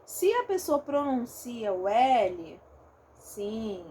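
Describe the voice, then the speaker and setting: A woman's voice: on the high side, very animated, extremely slow, warm tone, slight background noise. A woman with a Rio de Janeiro accent, a phonetics teacher explaining a lesson step by step and often checking in with her students. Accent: Rio de Janeiro Portuguese. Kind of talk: recorded online lesson.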